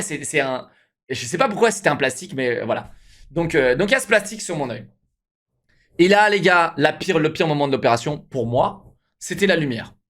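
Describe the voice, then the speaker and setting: A young man, a streamer telling a story casually to his live chat, animated and repetitive, often calling out to the viewers. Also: fairly high pitch. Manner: animated, repeats himself, addresses viewers as guys.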